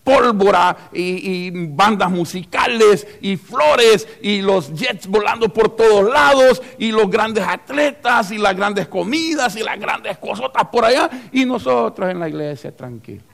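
A man preaching a sermon as pastor. His voice sits high, and he delivers in an animated way, acting out little scenes and calling out questions to the congregation. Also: measured pace, vocal fry, hardly any pauses. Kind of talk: lively sermon. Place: church.

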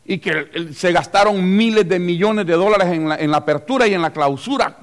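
A man preaching a lively sermon in church as pastor, acting out little scenes and asking the congregation questions. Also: sits high, fairly quick. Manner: animated, acts out scenes and voices, asks the congregation questions.

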